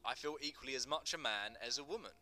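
In a dramatic screenplay reading, a man plays an earnest gangster who explains things with emphatic passion; the characters are an earnest Teddy Boy gangster and a passionate non-binary teacher. His mood is earnest and animated, and his voice is medium-pitched, fast, and close to an everyday voice.

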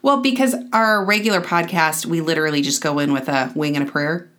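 A woman co-hosting a podcast in a playful, joking way, quick to laugh. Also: deep voice, fairly bright tone. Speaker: podcast co-host. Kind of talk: casual podcast chat.

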